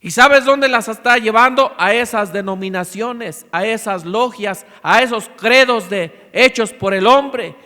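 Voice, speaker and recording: A male pastor from Mexico delivers a sermon in a very high, bright, ringing voice. He punctuates his points with frequent amens and acts out short dialogues. His voice carries a long reverb through a church hall. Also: measured pace, few pauses.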